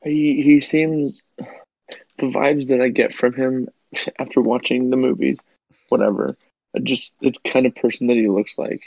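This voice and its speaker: A man's voice: mid-range voice, fairly even intonation, unhurried, vocal fry, a little mellow, no room sound, dull audio. A man in casual chat as a podcast co-host, laid-back and jokey.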